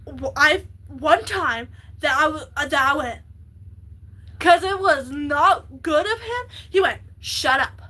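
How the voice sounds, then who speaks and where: High, bright-voiced woman rambling excitedly. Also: slow pace, poor audio. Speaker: livestreamer. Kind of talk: casual livestream chat.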